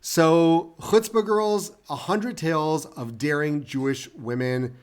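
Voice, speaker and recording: A man hosting a podcast interview, upbeat and chatty, warmly welcoming his guests. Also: a little high, steady tone, slow, clear, resonant tone. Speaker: podcast host.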